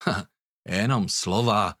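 A cruel young thug who sneers and taunts, voiced in a husky, dry tone by a man reading the story aloud. The delivery is contemptuous and lively in pitch. It is a spoken storybook scene with no room sound. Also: no room sound, heavily acted. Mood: sneering. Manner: mocking, contemptuous.

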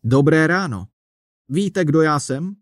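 A man's voice: mid-range voice, expressive, no echo, studio quality, close to an everyday voice. A man reading the part of a pushy, self-satisfied manager in a striped suit, talking like a salesman. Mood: bossy. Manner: brisk, salesman-like, lecturing.

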